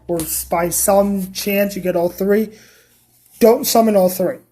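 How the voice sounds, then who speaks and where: A man's voice: high-pitched, darkish tone. A tired man casually talking through a card game deck, hesitant and stumbling, often restarting his sentences. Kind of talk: casual deck profile talk.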